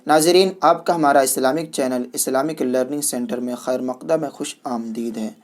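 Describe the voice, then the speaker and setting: A man teaching reading, opening with formal religious greetings and then slowly spelling words out letter by letter, with the letter names said louder. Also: medium pitch, steady tone. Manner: opens with formal Islamic greetings.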